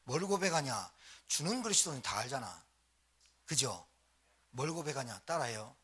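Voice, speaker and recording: This pastor has a mid-range, slightly rough voice, very animated and fairly bright, at a moderate pace. He preaches live in a church sanctuary, exhorting the congregation through short repeated phrases and calls for response.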